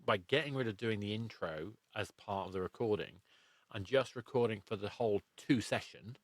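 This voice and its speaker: In a dry recording, a man with a lowish voice hosts a podcast and interviews a guest at a moderate pace. The conversation is casual, and he tends to ramble and reflect.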